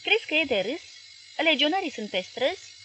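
An outraged middle-aged newspaper owner snaps sharp, exasperated questions, as a woman reads him aloud in an audiobook. The voice sits fairly high and pushes louder than the narration around it. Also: sing-song, slight background noise, heavily acted. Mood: indignant.

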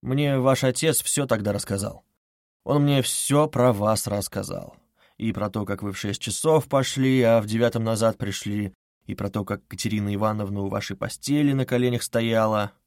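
A man's voice: lowish voice, normal speed, a little mellow, no echo, close to an everyday voice. Man doing a brooding young man, gloomy, curt, dry close recording. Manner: gloomy, abrupt.

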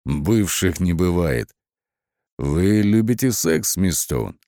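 A man reading the lines of a wealthy, brilliant male artist in an audiobook, speaking slowly and coolly with measured questions. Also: low voice, expressive, warm tone, dry recording, clean studio sound, heavily acted. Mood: cool, probing. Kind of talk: audiobook character voice.

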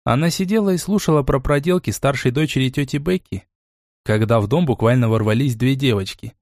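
A man narrating a fantasy audiobook in a measured, even reading. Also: mid-range voice, no room sound, clean studio sound. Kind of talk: scripted narration.

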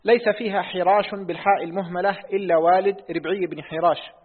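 Brief: male student reciting a text in a lesson, husky voice, tinny hall recording. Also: high voice, steady tone. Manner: reads quickly, repeats lines on request. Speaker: student reading the text aloud. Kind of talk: reading a hadith text in class. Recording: tinny phone-like audio in a reverberant hall.

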